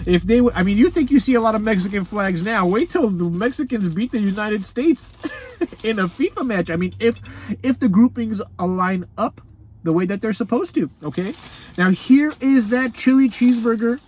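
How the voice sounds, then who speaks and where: Set in Los Angeles, this food review show host chats in a casual, unscripted video, folksy and warm, calling viewers grandchildren and referring to themself in the third person. The voice is medium-pitched with lively intonation, a moderate pace and a darkish tone, and there's a slight hiss or hum. Laughter pops up often between remarks.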